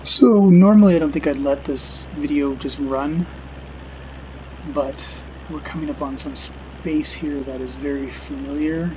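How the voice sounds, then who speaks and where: A middle-aged man narrates his flight simulator game casually. He is musing and hesitant, in a slightly higher than average voice, with noticeable engine drone behind him. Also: slight background noise, rough recording. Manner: hesitant, musing, unhurried reminiscing. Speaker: video game streamer flying a simulator. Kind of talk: casual unscripted gameplay commentary.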